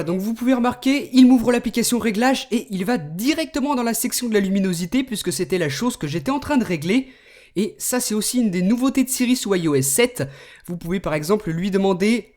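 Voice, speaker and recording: A man hosting a tech video, explaining a phone's features in a relaxed way and speaking commands to it. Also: high-pitched. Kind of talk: screen demo tutorial.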